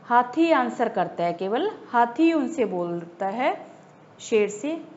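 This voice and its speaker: A woman's voice: a little high, very animated, slow, darkish tone, dull audio, a little hiss or hum. A woman teacher telling a story lesson to children, who quizzes the pupils and repeats the key points.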